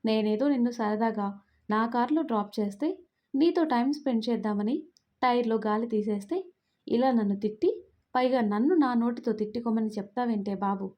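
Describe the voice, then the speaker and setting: A woman's voice: on the high side, a little fast, darkish tone, close to an everyday voice. A woman voicing a young man in love, fond, pleading and playful, in a storybook reading.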